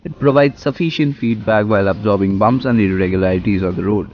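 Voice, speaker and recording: A man's voice: lowish voice, fast talker, muffled recording, a little hiss or hum. A man giving enthusiastic, chatty motovlog commentary as he rides, recorded on a helmet mic. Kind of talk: casual motorcycle vlog commentary while riding. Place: outdoors on a motorcycle in city traffic.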